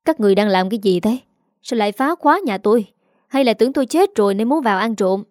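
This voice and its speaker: A woman's voice: mid-range voice, normal speed, darkish tone, no room sound, clean studio sound, close to an everyday voice. A woman reading the part of a stubborn elderly mother who talks in a curt, icy way. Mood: cold. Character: cold, stubborn elderly mother who lost her savings.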